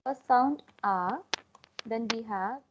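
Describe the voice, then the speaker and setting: A woman's voice: on the high side, takes it slowly, noisy background. A young woman with an Indian accent teaching an online language class, mixing Hindi and English and coaxing students to answer. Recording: dull lo-fi online call audio.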